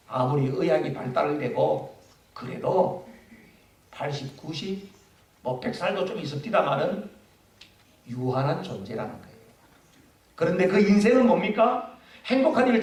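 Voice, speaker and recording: A man's voice: sits high, a little mellow, distant mic. A male pastor preaching a sermon in a conversational way and asking the congregation questions. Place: church sanctuary. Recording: echoey church from afar.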